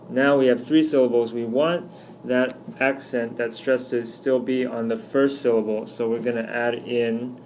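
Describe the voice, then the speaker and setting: A man teaching a recorded grammar lesson, walking through slide examples patiently and slowing down to spell out each one. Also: medium pitch, a little mellow, a little hiss or hum. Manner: patient, explanatory, slows down on examples. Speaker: Spanish teacher.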